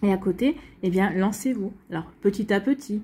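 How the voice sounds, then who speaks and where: A woman's voice: mid-range voice, fairly quick, darkish tone, slight background noise. A French woman giving a casual, rambling astrology reading to her viewers, full of restarts and reassurance. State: hiccups. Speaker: astrology and tarot reader.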